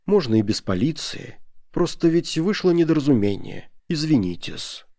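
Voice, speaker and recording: A man's voice: fairly high pitch, big pitch swings, moderate pace, warm tone, no room sound, studio quality, pitched above the performer's own voice. A man voicing a middle-aged merchant who grovels with apologies to offended ladies in an audiobook story. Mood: placating. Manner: fawning, fussy, hissing at family.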